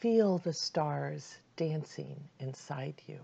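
A woman leading a guided meditation in a calm, soothing voice, giving gentle instructions with long pauses. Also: low voice, vocal fry, husky, muffled recording.

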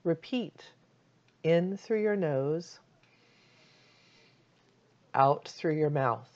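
Calm woman guiding a meditation, low mellow voice, kinda dull lo-fi sound. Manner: calm, soothing, unhurried instructions with long pauses. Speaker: meditation guide. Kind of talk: guided meditation.

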